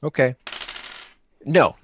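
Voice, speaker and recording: Speaking extremely slowly in a somewhat bright voice, a man hosts and plays an improvised solo-engine tabletop roleplaying game. He chats casually, reasoning aloud and answering questions he raises himself.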